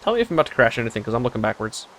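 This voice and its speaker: A man's voice: medium pitch, sing-song, racing, fairly bright tone, a little hiss or hum. A young man hosting a casual let's play, rambling through his plans with sarcastic asides and frequent laughs. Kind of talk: casual gameplay chat.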